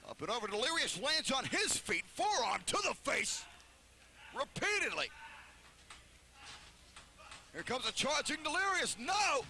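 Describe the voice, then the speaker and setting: A man giving excitable play-by-play wrestling commentary, calling moves in clipped phrases. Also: very high-pitched, measured pace, gravelly, long pauses, slight background noise.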